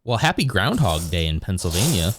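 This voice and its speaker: A man's voice: sits low, very animated, fairly quick, noisy background. A man streaming live, chatting casually and rambling with his viewers, chuckling often as he goes.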